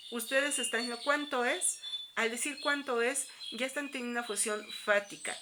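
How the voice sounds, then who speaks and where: Bright-voiced woman teacher with Mexican accent. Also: mid-range voice. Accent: Mexican Spanish. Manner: explanatory, with frequent examples. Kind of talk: recorded video lesson.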